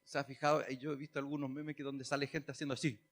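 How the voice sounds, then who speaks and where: A man's voice: mid-range voice, little pitch movement, fast, fairly bright tone. A man preaching a sermon, chatty and humorous, then rising to emphatic calls. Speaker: pastor.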